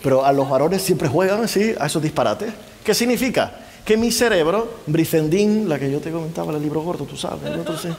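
Lively lecturer in a reverberant hall. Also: male voice, a little high, brisk, vocal fry, few pauses. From Spain. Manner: lively, keeps asking the audience rhetorical questions. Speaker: university lecturer. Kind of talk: conference lecture to a live audience.

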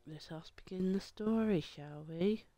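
A gaming host talks at a slow, drawn-out pace, sounding groggy and a little sore in the throat. The commentary is casual and playful, slipping into reading game dialogue aloud. Music plays behind the voice. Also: mid-range voice.

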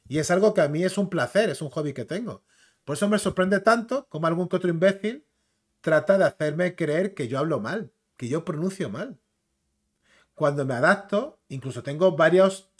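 A man from the Canary Islands, chatting casually as he comments on a video clip. He talks in a slangy way and keeps tagging his sentences with filler words. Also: fairly high pitch. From Canary Islands, Spain.

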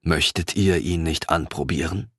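A man voicing a calm, mysterious wandering man in an audiobook, speaking in a measured, quiet manner. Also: a bass voice, husky, dry recording, clean studio sound, exaggerated voice. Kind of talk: audiobook character reading.

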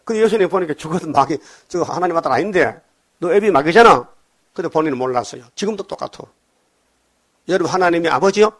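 An older man preaching a sermon, scolding his congregation with rapid rhetorical questions. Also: on the high side, expressive, a bit bright. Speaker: pastor.

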